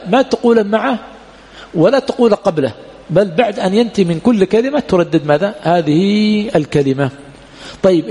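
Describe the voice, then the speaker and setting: Fast, high, gravelly male teacher. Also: darkish tone, in a large hall. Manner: asks the class questions, repeats key points. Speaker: teacher of Islamic law. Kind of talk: classroom lesson.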